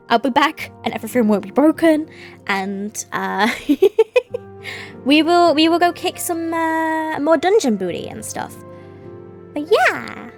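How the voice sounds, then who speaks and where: Female game streamer, highish and very animated, playful and rambling, faint music underneath. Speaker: live streamer. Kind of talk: casual chat to viewers on a game stream.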